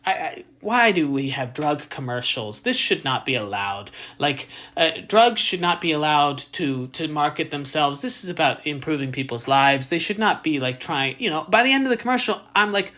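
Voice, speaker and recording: A man from Maryland co-hosting a podcast, chatting casually in a jokey, animated way with lots of fillers. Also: fairly high pitch, normal speed, few pauses. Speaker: podcast co-host. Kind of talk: casual chat.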